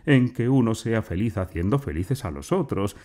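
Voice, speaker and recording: A man's voice: on the low side, lively intonation, moderate pace, mellow, pitched above the performer's own voice. A man voicing a pompous older uncle who declaims lofty ideals, in a storybook reading. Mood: declaiming.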